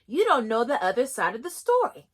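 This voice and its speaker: This homeschool book reviewer enthusiastically chats about children's books, reading short passages aloud and often restarting and laughing. Her voice is a little high and slightly rough, fairly bright, fairly quick, and swoops wildly in pitch.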